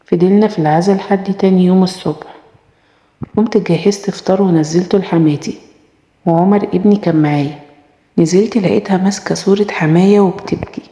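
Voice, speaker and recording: A woman's voice: lowish voice, fairly quick, mellow. A woman with an Egyptian Arabic accent narrating a first-person story, reading every character in her own voice. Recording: echoey room with long reverb.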